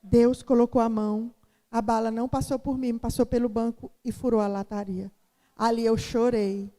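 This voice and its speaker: A woman's voice: fairly high pitch, little pitch movement, moderate pace, warm tone. A middle-aged woman pastor from Brazil giving a sermon testimony, telling her story dramatically and acting out the voices of the people in it. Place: church. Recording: long hall reverb.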